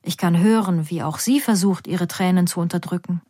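A woman reading a first-person story aloud in a calm, measured, quiet voice. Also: on the low side, no echo, studio quality. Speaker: reader.

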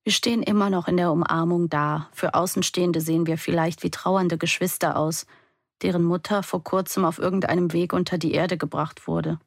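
Woman narrating an audiobook, quiet and intimate, low gravelly voice, dry close sound. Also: fairly even intonation, moderate pace, no echo. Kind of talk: first-person novel reading.

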